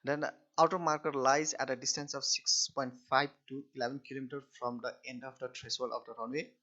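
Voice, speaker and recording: Captured on dull, lo-fi audio, a man lectures through technical content step by step, halting, restarting, and repeating himself. His pitch is middling with little movement, and his tone is sharp.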